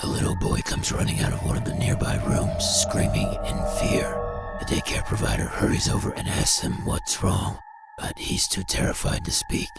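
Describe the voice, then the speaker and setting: A man's voice: very high voice, little pitch movement, normal speed, over loud music. A man giving scripted, suspenseful narration over paranormal video clips. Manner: dramatic, suspenseful storytelling.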